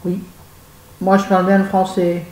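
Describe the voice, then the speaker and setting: A woman's voice: mid-range voice, monotone, normal speed, a little mellow, roomy sound, rough recording. A woman chatting casually to camera in a book review vlog, digressing often and talking straight to her viewers, at home. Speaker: book vlogger. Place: at home with a fan nearby.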